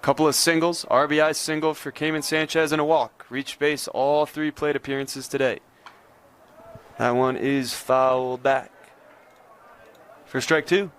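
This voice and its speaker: A man's voice: a little high, little pitch movement, a little slow, pauses often, fairly bright tone, smooth. A man giving live play-by-play baseball commentary as a sports announcer.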